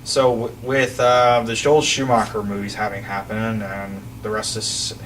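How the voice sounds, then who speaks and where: A man's voice: fairly low pitch, flat delivery, unhurried, fairly bright tone. Rambling man on a distant mic. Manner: rambling, restarts sentences, chuckles. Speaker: podcast host. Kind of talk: casual chat about films. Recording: distant mic with faint ambient noise.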